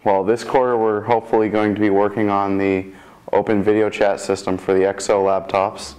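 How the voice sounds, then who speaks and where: A man's voice: on the low side, flat delivery, a little fast, a little mellow, rough recording. A man in his twenties speaking informally as a student developer in an interview, often rephrasing himself mid-sentence. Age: 20s. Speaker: computer science student developer. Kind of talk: informal interview about a project.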